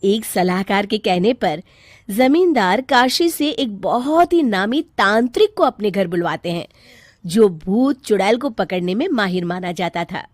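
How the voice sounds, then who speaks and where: A woman narrating a cartoon story in an expressive storytelling manner. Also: mid-range voice, measured pace, dry recording, clean studio sound.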